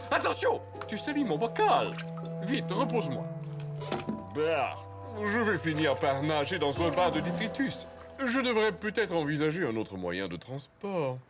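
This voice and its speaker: Pompous, swooping cartoon villain fish. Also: male voice, high-pitched. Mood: indignant, bossy. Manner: pompous, gloating, melodramatic villain with flowery phrasing. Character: scheming, vain villainous pet fish, theatrical and bossy. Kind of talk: animated cartoon acting.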